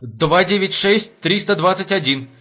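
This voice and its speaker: A man voicing a frightened young sentry reciting numbers slowly in an audiobook. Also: high voice, pushed and bright, lo-fi sound, pitched above the performer's own voice, heavily acted. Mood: scared.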